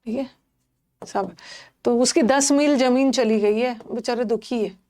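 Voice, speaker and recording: A middle-aged woman, an English teacher, giving a live online vocabulary class in a lively way, switching between Hindi and English and repeating words for her students. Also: fairly high pitch, unhurried, a little hiss or hum.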